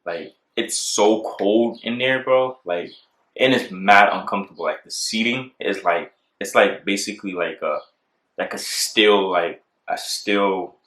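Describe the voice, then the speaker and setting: A man's voice: on the low side, measured pace, fairly bright tone. A young man telling a rambling storytime in casual slang, full of "like" and "bro". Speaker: vlogger. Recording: echoey room.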